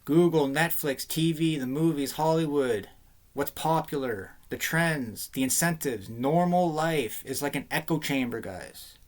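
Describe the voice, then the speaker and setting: A man's voice: on the high side, unhurried. A man in a rambling, heated, slangy rant to camera, often saying man and dude. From Canada. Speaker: vlogger.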